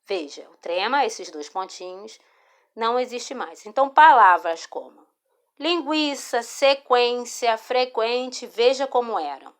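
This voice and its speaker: Her voice is a little high, animated, clear and resonant, with a Brazilian Portuguese accent. She teaches spelling over a screen recording on a phone or screen recorder mic, explaining slowly and patiently, repeating words and asking "tá?" to check on her students.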